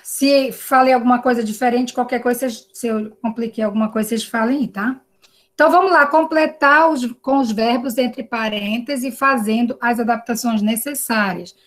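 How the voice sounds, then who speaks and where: An English teacher with a Brazilian Portuguese accent runs an online class over a video call. Her voice sits a little high, with a steady tone and a normal pace, and she explains things patiently, often checking in with tag questions.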